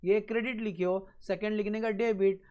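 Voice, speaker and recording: A male accounting teacher lecturing a class. He repeats each step slowly and keeps checking that the students are following. Now and then he drops a blunt, joking aside. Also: sits high, steady tone, a little mellow.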